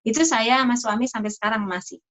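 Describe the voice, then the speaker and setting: A middle-aged woman doctor giving a casual talk on marriage health to an audience, chatty with lively asides. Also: fairly high pitch, quick pace. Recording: dull lo-fi sound.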